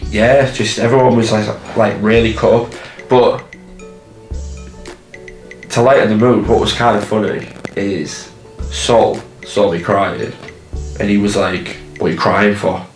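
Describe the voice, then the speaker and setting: A man's voice: fairly low pitch, steady tone, measured pace, pauses often, reverberant, faint music behind. Teasing man telling stories. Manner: teasing storyteller. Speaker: band member. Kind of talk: documentary interview.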